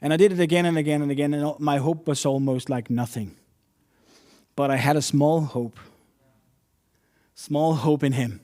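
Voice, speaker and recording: A man's voice: on the high side, steady tone, normal speed, pauses often, warm tone. Earnest man preaching a sermon. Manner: earnest, storytelling with non-native English phrasing.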